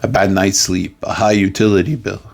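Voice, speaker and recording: A man as a life coach, giving a playful, jokey coaching talk with sudden loud outbursts. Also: low-pitched, steady tone, moderate pace, vocal fry, faint music behind.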